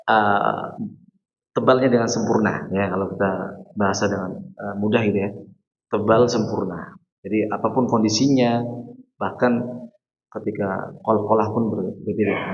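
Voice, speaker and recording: A man's voice: on the low side, a little hiss or hum. Male recitation teacher from Indonesia, chant-and-explain style, roomy and muffled mosque sound. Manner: alternates melodic chanted recitation with quick explanations. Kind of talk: tajwid lesson with chanted recitation. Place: mosque hall. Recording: muffled, echoey mosque hall.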